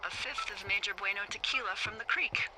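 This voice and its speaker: A woman's voice: medium pitch, fairly quick, very noisy, lightly acted. A woman playing a sardonic, flirty fire lookout supervisor in naturalistic, conversational video game dialogue. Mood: tipsy, breezy. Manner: wry, teasing, conversational.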